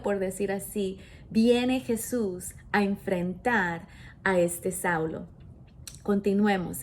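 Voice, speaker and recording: Woman pastor, unhurried emphatic sermon delivery, mid-range voice, scripture reading. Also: medium pitch, a little hiss or hum. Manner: slow, emphatic preaching with self-corrections.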